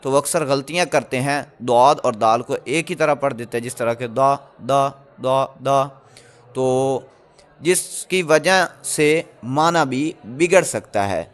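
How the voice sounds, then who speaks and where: A man teaching tajweed in a recorded lecture, explaining slowly with many pauses and fillers and sounding out letters again and again. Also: medium pitch, animated. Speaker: Quran recitation teacher.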